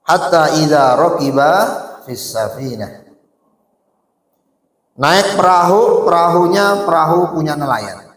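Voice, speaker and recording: A male Islamic preacher speaks casually and colloquially, telling stories, asking the audience rhetorical questions, and reciting Arabic. His voice is a little high, fairly bright, and expressive; he goes slowly with frequent pauses, and the hall reverb is echoey.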